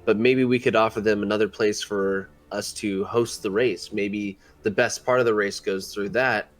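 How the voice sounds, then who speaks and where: Low-voiced man playing a tabletop game. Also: fairly even intonation, normal speed, faint music behind. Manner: hesitant, many fillers and restarts while speaking in character. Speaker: player. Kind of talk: in-character tabletop play.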